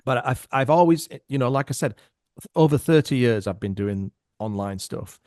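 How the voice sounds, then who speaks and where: A middle-aged man talks as a podcast guest in a dry, close-miked voice of middling pitch. He tells his stories with animation and casual swearing, shifting his voice to act out other people. His tone stays loose and conversational. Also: expressive, moderate pace, darkish tone, no echo. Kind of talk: casual storytelling chat.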